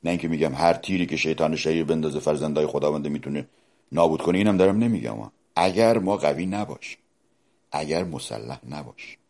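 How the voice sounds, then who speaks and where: A man preaching a sermon, asking his listeners questions directly and swinging between loud outbursts and hushed low asides.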